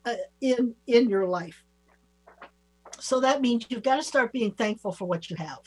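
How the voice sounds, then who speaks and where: A woman giving spiritual advice as a psychic on a talk show, informal, halting and reassuring. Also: fairly high pitch, expressive, darkish tone, slightly rough, soft background music, rough recording. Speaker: psychic reader and show co-host.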